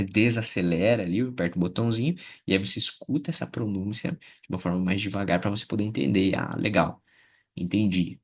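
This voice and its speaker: A young man with a Brazilian Portuguese accent teaching in a loose, chatty way. His voice sits a little low and has a husky grain. He keeps checking in with the listener as he explains. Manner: chatty, repeats short phrases, checks in with "né?" and "tá?". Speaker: English teacher. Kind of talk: casual spoken lesson.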